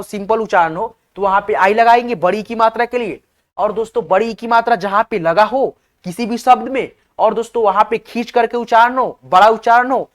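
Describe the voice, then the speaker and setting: A woman whose voice sits a little high teaches spelling at a whiteboard. She takes her time, spelling words out letter by letter, and often checks whether viewers are keeping up.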